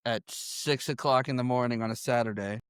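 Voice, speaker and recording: A man's voice: mid-range voice, fairly even intonation, fairly quick, clean tone, no room sound, studio quality. Upbeat man hosting a podcast. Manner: upbeat, leads the talk, laughs easily. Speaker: podcast host. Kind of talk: casual podcast chat.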